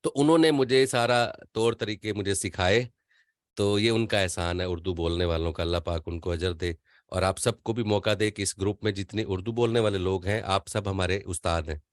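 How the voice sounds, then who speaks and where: An older man whose first language is not Urdu teaches an online voice-over class in an earnest, rambling way, slipping into quick impressions. His voice is low-pitched, and the clean studio sound has no room echo.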